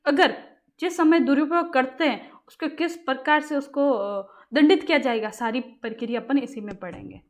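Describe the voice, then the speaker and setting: Higher-voiced woman teaching exam material. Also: moderate pace. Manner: repeats questions to the class and answers them herself. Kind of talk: casual classroom lecture.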